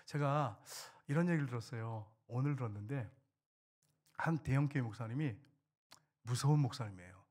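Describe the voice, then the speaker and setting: A male pastor preaching an earnest sermon to his congregation, urging them and dropping to a hush for emphasis. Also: medium pitch, normal speed, slightly rough.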